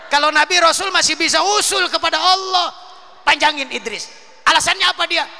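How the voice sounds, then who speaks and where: A man preaching a humorous sermon, telling stories with lively jokes. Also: very high-pitched, a little fast, gravelly. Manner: animated joking storyteller. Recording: reverberant hall, faint noise.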